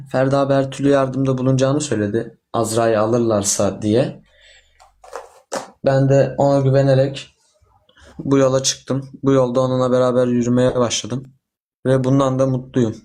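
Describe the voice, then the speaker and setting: A young man in his late teens with an average-pitched voice. He talks earnestly and casually on a livestream, addressing his elders politely and with deference. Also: steady tone, moderate pace, darkish tone. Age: teenager, seventeen. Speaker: livestream guest.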